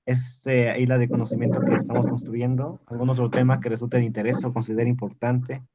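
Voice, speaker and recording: A man's voice: medium pitch, level tone, a little fast. Guy politely adding to a podcast chat, repeats himself, muffled kinda lo-fi audio. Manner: polite interjecting, repeats phrases. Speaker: podcast participant. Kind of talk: casual podcast discussion.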